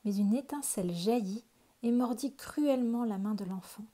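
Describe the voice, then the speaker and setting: A woman calmly reading a children's picture book aloud. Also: a little high. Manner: calm, unhurried storytelling. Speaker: storyteller.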